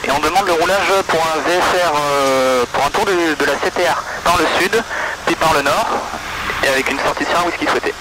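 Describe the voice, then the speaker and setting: A man's voice: a little high, a little fast. A man training as a pilot, giving methodical, terse procedural callouts and radio calls over a pilot headset. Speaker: student pilot. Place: small light aircraft cockpit. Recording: pilot headset, loud aircraft engine noise.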